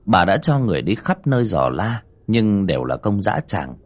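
Husky male horror story narrator. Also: lowish voice, big pitch swings, normal speed. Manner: dramatic storytelling. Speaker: audiobook narrator.

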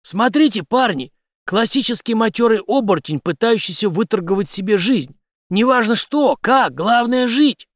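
A man's voice: high-pitched, expressive, a little fast, no room sound, studio quality, pitched above the performer's own voice. Man doing a sardonic special-forces commander. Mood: coolly menacing. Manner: cool, menacing, sardonic. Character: confident mocking male special-forces commander.

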